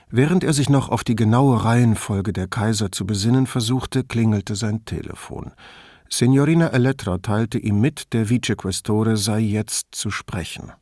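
Husky-voiced male audiobook narrator. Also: lowish voice, darkish tone, dry recording, clean studio sound.

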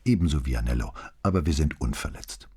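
A man's voice: a bass voice, expressive, quick pace, warm tone, slightly rough, exaggerated voice. A man reading an audiobook, voicing a shaken middle-aged police commissioner who talks in a subdued, downplaying way. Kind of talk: audiobook dialogue.

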